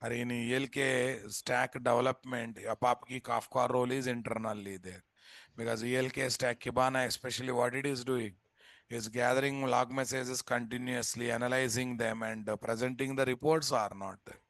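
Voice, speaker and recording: A man with a Telugu Indian accent teaches a software class in an informal, blunt way. His voice has a gravelly creak and is recorded dry, with little room sound. He repeats key points and often checks with rhetorical questions. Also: mid-range voice, flat delivery, moderate pace, dry recording. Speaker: software instructor. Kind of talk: live online class, informal lecturing. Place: indoors at a computer, live screen-share class.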